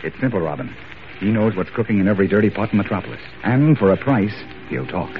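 An actor playing a calm, wry crime-fighting hero in 1940s radio drama, clipped and dry. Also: male voice, lowish voice, fast, over music, close to an everyday voice. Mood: calm, hushed. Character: calm, wry male masked hero detective, commanding. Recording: noisy, dull 1940s radio recording.

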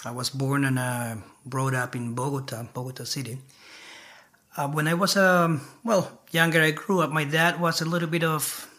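Bright-voiced Colombian man with a Spanish accent. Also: mid-range voice. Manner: hesitant, many fillers. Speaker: guest. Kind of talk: casual interview storytelling.

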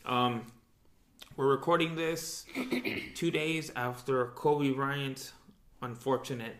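A man's voice: mid-range voice, fairly even intonation, slow pace, fairly bright tone. A man hosting a casual, sweary podcast, his mouth numb from the dentist after a root canal. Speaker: podcast host. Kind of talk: casual podcast chat, profane. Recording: roomy, echoing room sound.

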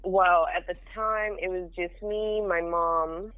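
A woman's voice: on the low side, steady tone, takes it slowly, dry recording. A young woman from Jamaica, a podcast guest, talking frankly and plainly about her life in a casual interview. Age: young adult. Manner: frank, straightforward. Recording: tinny phone line.

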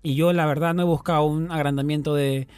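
A man's voice: on the high side, steady tone, fairly quick, darkish tone, clear, resonant tone, dry recording. A man co-hosting a casual chat, teasing and quizzing his partner with short interjections. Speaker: podcast co-host.

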